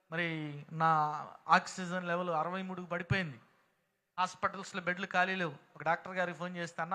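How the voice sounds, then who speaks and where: A man's voice: high voice, sharp tone. A man with a Telugu accent preaching a sermon in a prayer hall, emphatic and calling out to the congregation for responses. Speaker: pastor.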